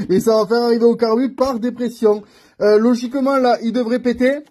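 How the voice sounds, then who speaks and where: A fairly high-pitched man with a husky edge to his voice, recording himself on a phone in his home workshop. He talks casually and directly to the viewer, filling pauses and thinking out loud as he tinkers. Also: fairly even intonation. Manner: chatty, talks straight to the viewer, thinks aloud with fillers. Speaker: scooter mechanic vlogger. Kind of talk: casual how-to vlog. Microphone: phone filming himself.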